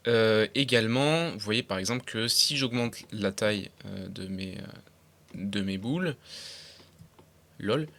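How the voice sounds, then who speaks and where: Young man, tutorial voice-over, casual, step-by-step, somewhat low voice, desk mic. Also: measured pace, gravelly, long pauses, sharp tone. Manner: casual, explains step by step, frequent fillers; slips in English terms, swears casually. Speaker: tutorial creator. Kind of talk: screen-recorded software tutorial.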